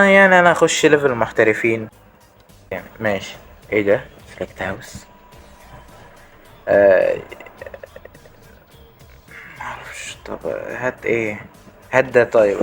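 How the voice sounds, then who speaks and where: A man's voice: mid-range voice, vocal fry. A man with an Egyptian accent giving casual, jokey let's-play commentary, chatting straight to his viewers. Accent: Egyptian Arabic. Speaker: gaming YouTuber.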